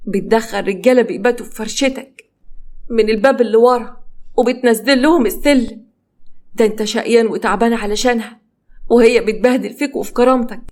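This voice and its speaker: A woman's voice: fairly high pitch, darkish tone, close to an everyday voice. A woman with an Egyptian accent voicing an older mother who scolds her son indignantly. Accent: Egyptian Arabic.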